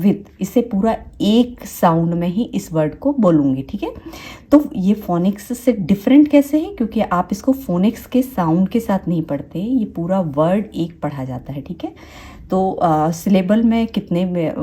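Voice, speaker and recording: A woman, explaining English spelling rules slowly, with many pauses and fillers. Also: mid-range voice, dark tone, breathy edge. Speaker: English teacher.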